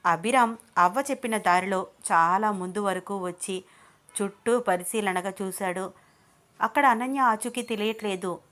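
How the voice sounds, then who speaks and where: A woman's voice: medium pitch, moderate pace, fairly bright tone. A woman storyteller narrating a dramatic love story in an emotive, flowing way.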